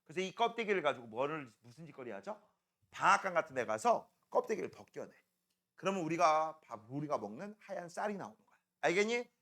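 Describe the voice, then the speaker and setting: A middle-aged man teaching a middle school science class in a chatty way. He keeps asking his students quick questions and then answers them himself, and he now and then acts out playful voices for his jokes. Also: on the high side, fairly bright tone. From Korea. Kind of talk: classroom lecture.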